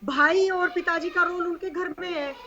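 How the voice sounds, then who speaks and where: A woman's voice: very high-pitched, fairly even intonation, normal speed, pushed and bright, muffled recording, slight background noise. A woman, a guest on a remote interview over a call line, speaking with indignant emphasis. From Haryana, India.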